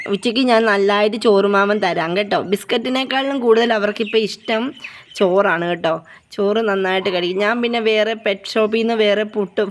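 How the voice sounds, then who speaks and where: A woman vlogging about her puppies in a casual chat, coaxing them softly and repeating herself. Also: mid-range voice, a little hiss or hum. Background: puppies whining.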